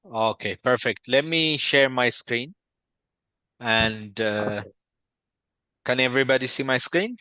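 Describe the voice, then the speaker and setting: A man from Ethiopia hosts a video call and presents, talking in a friendly, halting way full of fillers and restarts. His voice is bright and forceful. The sound is dry and close. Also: mid-range voice, smooth, no echo. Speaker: meeting host, company founder.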